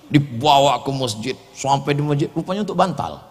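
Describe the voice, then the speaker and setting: A middle-aged Indonesian man preaching a humorous sermon, animated and joking, full of rhetorical questions. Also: medium pitch, normal speed, a little hiss or hum. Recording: long hall reverb.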